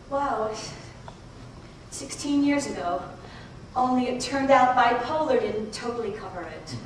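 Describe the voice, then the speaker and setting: A woman's voice: high-pitched, a bit bright, slight background noise. An actress playing a wry, sardonic middle-aged mother in therapy, with dry self-mocking wit, singing and speaking on a theater stage. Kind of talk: stage musical acting and singing. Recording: distant echoey theater bootleg, live band.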